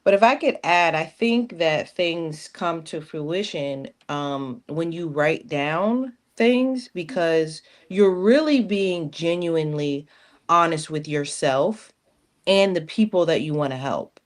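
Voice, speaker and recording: A guest on a livestream talks earnestly and sincerely, reflecting out loud. The delivery is thoughtful and unhurried. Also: mid-range voice, animated. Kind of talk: casual livestream chat.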